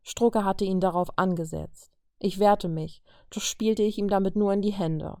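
A woman voicing a troubled, gentle young mutant woman in an audiobook reading, speaking softly and hesitantly. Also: medium pitch, steady tone, normal speed, no echo, clean studio sound, lightly acted. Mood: subdued.

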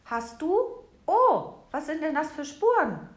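A woman doing an excited chirpy squirrel. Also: high-pitched, a little slow, roomy sound, pitched above the performer's own voice. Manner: loud, bright, eager exclamations.

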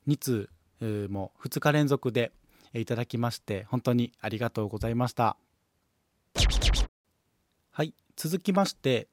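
A man's voice: mid-range voice, a little mellow, dry recording, clean studio sound. A man with a Kansai accent hosting a solo podcast, talking politely and measuredly with frequent hesitation fillers as he answers and reads listener mail. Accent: Kansai Japanese. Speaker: podcast host.

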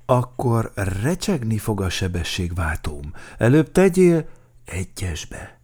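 A man's voice: lowish voice, sing-song, a little mellow, breathy edge, pitched above the performer's own voice. A man voicing a heavy male creature that carries others and grumbles about the load and his gearbox, in a children's storybook. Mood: fussy. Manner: complaining, puffing under the load.

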